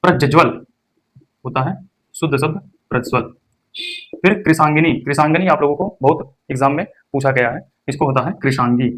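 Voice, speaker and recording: Hindi teacher drilling spelling, stressing words. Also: male voice, on the high side, fairly bright tone. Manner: stresses each word, then repeats it slowly. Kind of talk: exam-prep lesson.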